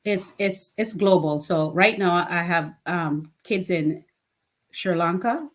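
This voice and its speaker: With a lowish, slow voice, this woman in her fifties, who founded a nonprofit, responds to an interviewer earnestly and without fuss. She laughs readily throughout.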